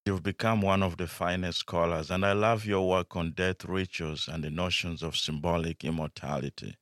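A man's voice: low voice, steady tone, normal speed, no room sound, studio quality. A man hosting a podcast interview, asking questions with short agreeing interjections. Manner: warm interviewer, brief backchannels and laughs. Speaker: host.

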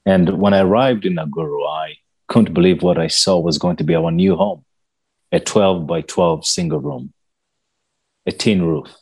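A man from Uganda recounts his childhood as a guest. His voice sits very low and carries a husky edge. He speaks slowly and earnestly. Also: a little mellow. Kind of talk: personal storytelling in an interview.

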